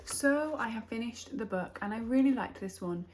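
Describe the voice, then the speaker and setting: A woman's voice: fairly high pitch, lively intonation, normal speed, soft background music. A young woman from Wales giving a chatty, thoughtful book review in a casual reading vlog, often trailing off and restarting her thoughts. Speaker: book vlogger.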